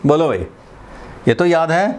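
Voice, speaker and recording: The voice is male, fairly high, expressive and a little slow, with a smooth, somewhat dark tone. It belongs to a physics teacher from India lecturing his class, who breaks things down step by step, repeats key phrases and checks that students are following.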